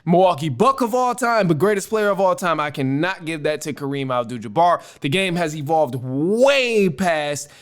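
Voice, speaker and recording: A man's voice: a little high, animated, normal speed, hardly any pauses, fairly bright tone. A man hosting a sports talk show, giving casual, slangy opinions with emphatic repetition. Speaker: sports show host answering voicemails.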